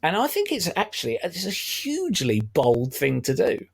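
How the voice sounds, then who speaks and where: Gravelly middle-aged man. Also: fairly high pitch, wildly swooping pitch, normal speed. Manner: chatty, wry, laughs often. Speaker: podcast co-host. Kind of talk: casual film discussion.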